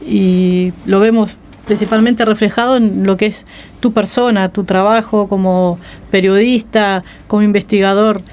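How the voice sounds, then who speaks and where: Woman, radio interviewer, mid pitch, smooth clear voice, measured questions. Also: fairly even intonation, darkish tone. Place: radio studio.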